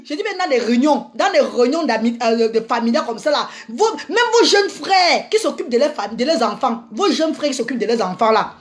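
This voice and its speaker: A woman vlogger delivering an indignant, repetitive ranting monologue, scolding her listeners and calling them "maman" and "mes amis.". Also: high-pitched. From Africa.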